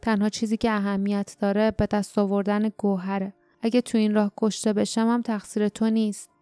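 A woman reading the part of a young male hero, speaking quietly and trying to keep steady. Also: fairly high pitch, dry recording, faint music behind, close to an everyday voice. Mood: quiet resolve.

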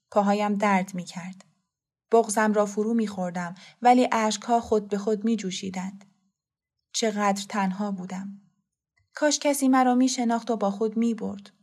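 Woman reading an audiobook, calm and soft, measured, medium pitch. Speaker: narrator. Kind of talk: scripted audiobook narration.

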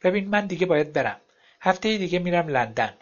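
A calm ex-wife in a storybook reading, as a man voices her, speaking in a matter-of-fact way. The voice sits slightly high. The sound is dull and lo-fi. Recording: dull lo-fi recording.

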